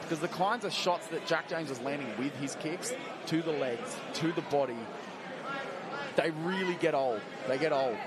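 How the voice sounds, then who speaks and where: High-voiced man commentating a fight. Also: moderate pace, very noisy. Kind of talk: live MMA play-by-play and analysis. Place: commentary position at live fight event. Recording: loud crowd behind the commentary.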